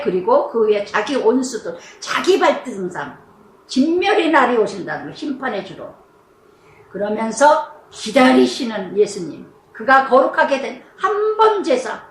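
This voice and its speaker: A woman's voice: high-pitched, reverberant. A middle-aged woman pastor giving a chatty devotional sermon, full of rhetorical questions.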